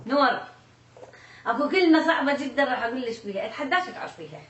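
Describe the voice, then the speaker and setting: A middle-aged woman chats casually in an Iraqi Arabic accent, teasing like a quizzing mother. Her delivery is brisk. She sounds a little away from the mic in an echoey room. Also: sits high, lively intonation. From Iraq. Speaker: mother quizzing her daughter on dialect words. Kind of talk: casual playful chat. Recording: echoey room, distant mic, faint noise.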